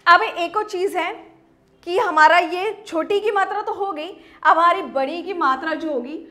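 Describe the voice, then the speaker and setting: A woman with a high, light voice teaches young children in an online phonics lesson. She sounds out words slowly, syllable by syllable. She keeps checking in with the class in a patient way. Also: pushed and bright. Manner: slow syllable-by-syllable sounding out, repeats "ठीक है"; patient, addresses children as "बेटा".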